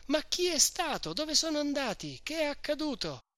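A reader voicing an alarmed crowd of village men who shout frantic questions over each other, in an audiobook of a classic novel. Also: high voice, very animated, moderate pace, no echo, pitched above the performer's own voice.

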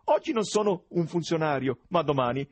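A man's voice: on the high side, expressive, a little fast, no room sound, pitched above the performer's own voice. A man voicing a thin, fawning male interpreter with a tremulous tenor voice, cordial and chattering. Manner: cordial, chattering, laughs as he talks.

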